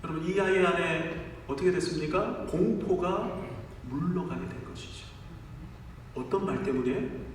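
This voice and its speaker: A middle-aged pastor preaches in a large church sanctuary, leaning on rhetorical questions to the congregation and a rhythmic, listing cadence. His voice is a little high at normal speed, picked up from far off in an echoey hall with a little hiss or hum.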